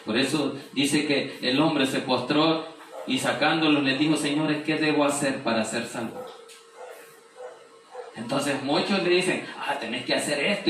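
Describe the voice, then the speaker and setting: Man, pastor, sermon, middle pitch, very echoey hall, distant mic. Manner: explains scripture, reads verses aloud, asks rhetorical questions. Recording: very echoey room, distant mic, faint noise.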